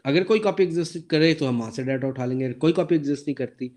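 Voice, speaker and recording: A man lecturing on databases with a sore throat and an occasional cough, explaining step by step, asking the class questions and reading slide text aloud slowly. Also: on the high side, a little mellow. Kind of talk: recorded lecture over slides.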